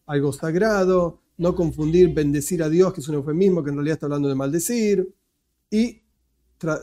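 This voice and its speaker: Argentine man teaching, mellow voice. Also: fairly high pitch. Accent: Argentine Spanish. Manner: methodical, explanatory, corrects himself aloud. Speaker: religious teacher. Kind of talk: lecture with slides.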